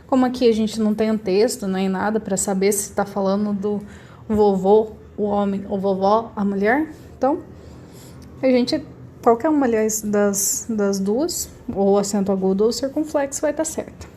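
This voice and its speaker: Brazilian Portuguese woman, mid-pitched teacher voice, patient and repetitive, remote lesson with faint noise. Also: dark tone. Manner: patient, repeats each word slowly to show the stressed syllable.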